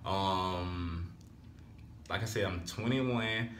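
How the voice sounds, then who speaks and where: A twenty-one-year-old vlogger from Alabama chats casually from a small room at home, laid-back and a little rambling, repeating "so therefore." His voice is low-pitched and fairly bright, he speaks extremely slowly, and the room echoes with a bit of hiss or hum.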